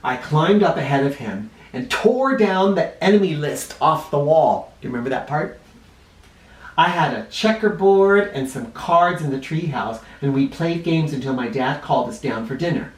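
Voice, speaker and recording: With a fairly high, animated voice at an ordinary pace, a man performs a children's story expressively and dramatically, as if talking right to kids. The recording echoes in a roomy space, the microphone set somewhat far off.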